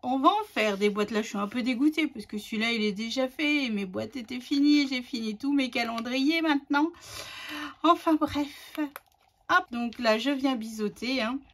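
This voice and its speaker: A chatty woman hosts a casual craft tutorial, her voice sitting a little high. She rambles along with plenty of fillers and restarts as she explains her steps. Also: moderate pace.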